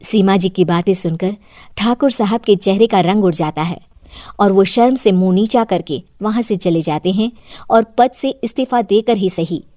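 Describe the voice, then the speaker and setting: A woman's voice: medium pitch, normal speed, warm tone, dry recording, studio quality. A woman narrating a scripted moral story as storyteller.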